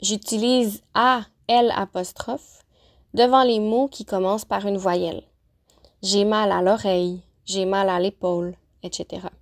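A woman who teaches French as a second language narrates a vocabulary lesson clearly and deliberately. Her mid-range voice holds a steady tone as she speaks slowly, carefully articulating each example phrase.

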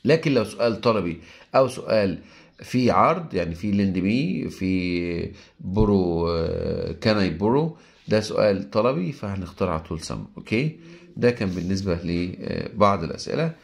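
A man with an Egyptian Arabic accent walks through an English grammar lesson in a somewhat low voice. He reads each example sentence slowly and voices his students' objections before answering them. His delivery is patient and methodical. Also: lively intonation, creaky. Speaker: English teacher.

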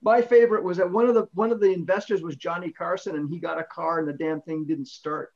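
A man on a video call telling lively anecdotes in casual chat. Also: fairly high pitch, quick pace, lo-fi sound. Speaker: panel member.

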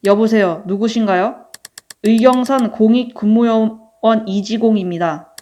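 A woman's voice: a little high, a little slow, dark tone, natural voice. A woman voicing a breezy young male subway service worker who speaks in a casual, brusque, matter-of-fact way while reading a story game aloud.

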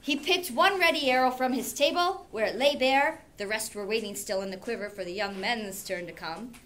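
A middle-aged woman teacher reads aloud theatrically in a classroom, dropping in informal explanatory asides. Her voice sits on the high side, a bit bright, at a moderate pace. A classroom camera a few metres away picks her up along with background noise.

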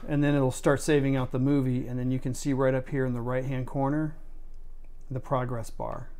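A man's voice: medium pitch, normal speed. Man casually talking through a tutorial. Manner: relaxed, conversational, talks through each step. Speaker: video tutorial maker. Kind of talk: casual screen-recorded tutorial.

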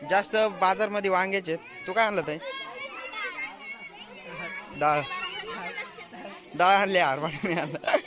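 A man's voice: high voice, fairly even intonation, unhurried, long pauses. A man vlogging as he walks through an outdoor village market, asking short, friendly questions and repeating the answers back. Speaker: vlogger touring a school children's market. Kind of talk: casual walk-around interviewing. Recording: busy outdoor crowd noise. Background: crowd of children.

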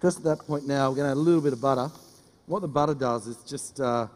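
A middle-aged man, a chef giving a brisk, joking live cooking demonstration on a studio stage. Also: mid-range voice, darkish tone, big-room sound, slight background noise. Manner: brisk, joking, teases the audience. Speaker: chef doing a cooking demo. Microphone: headset mic.

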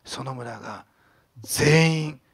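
A man preaching a sermon as a pastor in a church, conversational and animated, telling stories and acting out the voices in them. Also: medium pitch, takes it slowly, gravelly, husky. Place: church sanctuary.

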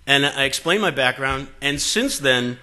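This conference speaker, a man from Boston in his forties, has a medium-pitched, bright, forceful voice with lively intonation and an unhurried pace. Using the podium microphone in a conference room, he tells stories casually with plenty of fillers and acts out quoted dialogue.

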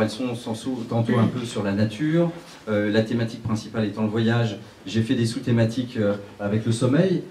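A man's voice: on the low side, dark tone. A middle-aged man presenting his photo exhibition to an audience, talking casually on a handheld mic in a small gallery and repeating words as he goes. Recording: distant mic in echoey room with faint crowd noise.

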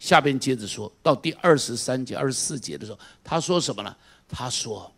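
A middle-aged man preaching a sermon as pastor, moving from quiet storytelling to shouted exhortation and firing questions at the congregation. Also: medium pitch, expressive, brisk, gravelly. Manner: asks the congregation repeated direct questions.

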